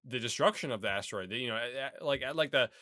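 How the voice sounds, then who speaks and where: A man's voice: medium pitch, fast, sharp tone, dry recording, studio quality. A man co-hosting a podcast, chatting casually about a movie and rambling through many fillers and restarts. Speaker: podcast co-host.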